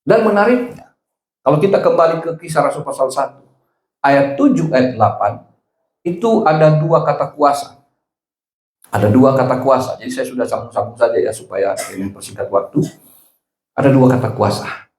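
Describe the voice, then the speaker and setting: A man's voice: medium pitch, expressive, moderate pace, long pauses, darkish tone. A male pastor preaching a sermon, telling stories and acting out the dialogue in quotes. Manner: storytelling, acts out dialogue in quotes. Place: church sanctuary. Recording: echoey church hall.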